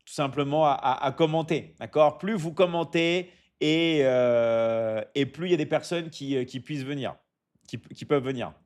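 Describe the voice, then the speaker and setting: Male live-stream host, slightly high-pitched, motivational coach tone, repetitive and halting. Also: darkish tone. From Michigan. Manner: repeats "d'accord?" often, stumbles and restarts, coaching tone; reads out viewer comments and answers them. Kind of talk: casual live stream chat.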